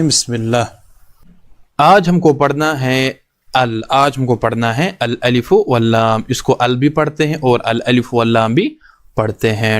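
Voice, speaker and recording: A male teacher talks through an Arabic grammar lesson at a patient, repetitive pace. He asks a question and then answers it himself, and he repeats each key term. His voice sits at an ordinary middle pitch for a man. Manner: mixes in English grammar words. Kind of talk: recorded language lesson.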